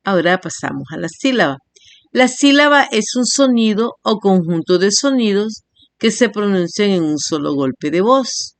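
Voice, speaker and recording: A woman teacher giving a recorded language lesson, reading definitions and slowly sounding out example words syllable by syllable. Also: mid-range voice, lively intonation, no echo. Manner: slow, spells words out syllable by syllable. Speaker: primary school teacher.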